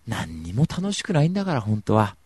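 A man hosting a radio show, telling rambling stories to listeners with emphatic, animated delivery on a studio mic. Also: lowish voice, a little fast, husky, no room sound. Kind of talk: casual solo radio talk.

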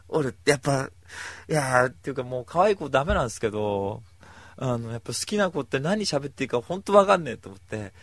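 A man telling stories in a casual monologue, animated, acting out other people's lines in voices. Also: mid-range voice, a little fast, no room sound.

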